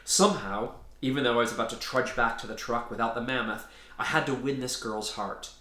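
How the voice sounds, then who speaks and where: This author and storyteller reads a children's tale fairly quickly in a bright, forceful, medium-pitched voice. He keeps it informal with a casual introduction and animated delivery, echoing around a roomy space.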